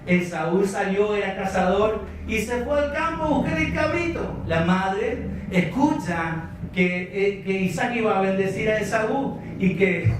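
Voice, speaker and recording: A pastor with a Rioplatense accent preaches a storytelling sermon, his voice pitched fairly high. He is heard in a large, very echoey church hall, picked up from a distance with faint noise underneath. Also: lively intonation, unhurried. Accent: Rioplatense Spanish. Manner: storytelling, exhorting the congregation.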